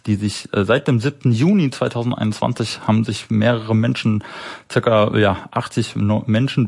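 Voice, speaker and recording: A man's voice: on the low side, vocal fry, a little mellow. A man hosting a radio show in a studio, speaking in long, rambling sentences. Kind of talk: casual radio presenting. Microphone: studio microphone.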